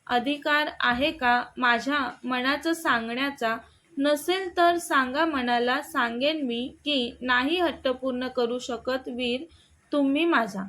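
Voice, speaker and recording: A woman voicing an emotional young wife who pleads through tears, with a high, slow voice. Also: fairly bright tone. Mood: pleading. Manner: pleading and teary.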